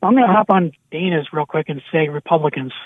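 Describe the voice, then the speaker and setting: A woman's voice: deep voice, fast talker. A woman from Michigan calling in to a radio show, speaking in a blunt, chatty way over the phone. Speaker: caller. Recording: tinny phone line.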